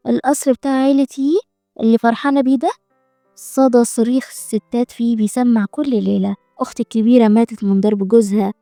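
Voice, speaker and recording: A woman's voice: a little high, fairly even intonation, fast, dark tone, dry recording, studio quality, faint music behind, close to an everyday voice. A woman voicing a defiant young heroine. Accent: Egyptian Arabic. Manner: mocking, defiant.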